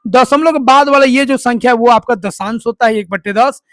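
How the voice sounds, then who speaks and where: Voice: medium pitch, a bit bright, no room sound. Maths tutor, dry sound. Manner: repetitive, quizzes listeners with call-and-response questions; slow, step-by-step dictation. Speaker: maths teacher. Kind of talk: online tutorial explanation.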